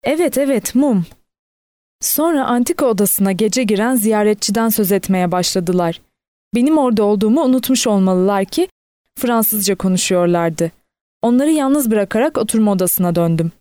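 A woman reading a novel aloud in steady audiobook narration, lightly voicing the quoted characters. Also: medium pitch, fairly quick, no echo.

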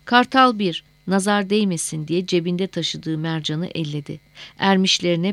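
Woman, audiobook narrator, measured steady reading, lowish voice, dry close sound. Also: vocal fry, no room sound.

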